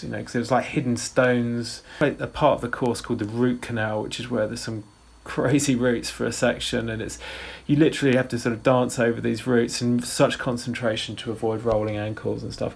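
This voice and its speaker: A man in his forties giving a casual race report, rambling with frequent restarts and fillers. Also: medium pitch. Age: 40s. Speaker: ultrarunner vlogger.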